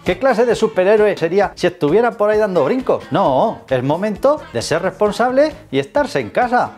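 A man's voice: high-pitched, very animated, moderate pace, a little mellow, faint music behind. A man from Spain playing a chatty, rambling Spider-Man in a comedy sketch, lecturing kids with a Spanish accent. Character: man in tights as homebound comic Spider-Man.

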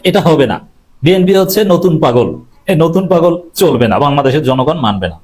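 Fast, emphatic man giving political commentary. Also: a little high, very animated, darkish tone. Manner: emphatic, repeats slogans, scornful asides, mixes in English phrases.

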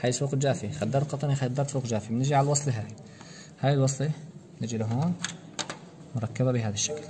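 Over a noisy background, a man with a mid-range voice gives a practical anesthesia lecture, describing procedure steps and quizzing students rhetorically. He speaks in rapid-fire bursts broken up by long pauses.

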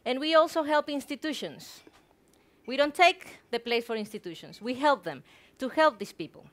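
A Guatemalan woman in her thirties, a native Spanish speaker with a Guatemalan accent, gives a prepared conference talk on a theatre hall stage. Her high voice is expressive and moderately paced, picked up by a headset mic.

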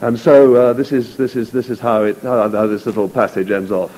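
A man's voice: mid-range voice, fairly even intonation, a little fast, dark tone. A man giving a passionate history lecture with many restarts, who reads passages aloud to the audience. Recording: echoey hall, dull lo-fi recording.

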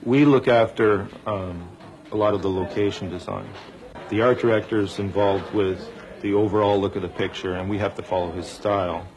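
A man's voice: fairly low pitch, steady tone, moderate pace, a little mellow, rough recording. A man speaking as an animation layout artist, explaining his work in a documentary interview. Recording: noticeable background noise.

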